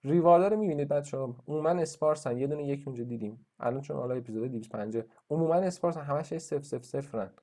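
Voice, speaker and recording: A man's voice: a little high, few pauses, warm tone. A man lecturing in a screen-recorded coding tutorial, thinking aloud with fillers and restarts as he walks through his code. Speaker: university lecturer.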